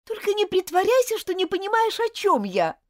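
A woman reading an audiobook, voicing a fiery schoolgirl monitor who is indignant and insistent, with shrill outbursts. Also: very animated, moderate pace, no room sound, studio quality. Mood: accusing. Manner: shrill, pleading, loud outbursts.

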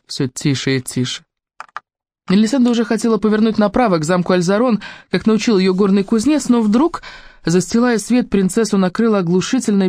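Audiobook narrator for a fairy tale, expressive, dry close mic. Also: medium pitch, dry recording. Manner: expressive storytelling.

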